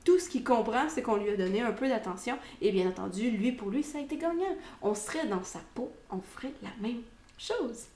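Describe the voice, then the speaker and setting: A woman with a Québécois French accent explaining dog training to viewers in a lively way, often checking in with "ok?". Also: on the high side, a little fast, hardly any pauses. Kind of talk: instructional talk to viewers. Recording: roomy echoey room.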